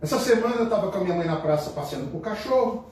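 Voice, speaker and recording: Racing along in a high, expressive voice that's a little mellow, a middle-aged man gives a sermon as a bishop, his accent Brazilian Portuguese. He talks conversationally and emphatically, asking many rhetorical questions, recorded from afar in an echoey space with slight background noise.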